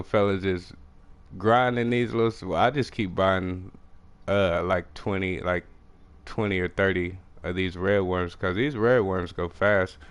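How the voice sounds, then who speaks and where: Young Texan man, low voice, country accent, mumbly and fast, gaming commentary. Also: smooth. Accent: country Texas. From Texas, USA. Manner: fast mumbling talk with restarts. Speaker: gaming streamer. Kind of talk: casual gameplay commentary.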